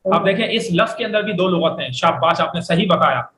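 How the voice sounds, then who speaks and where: A man with a high, bright voice teaches vocabulary to a class and has the students repeat each word after him. The room is echoey and carries a faint background hum. He talks like a teacher standing at a board. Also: fairly quick. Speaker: Arabic teacher. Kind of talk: classroom lecture.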